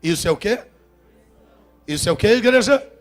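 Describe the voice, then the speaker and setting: A man preaching a sermon, trading calls and responses with the congregation and swinging from hushed tones to shouts. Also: high voice, lively intonation, moderate pace, soft background music. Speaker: pastor.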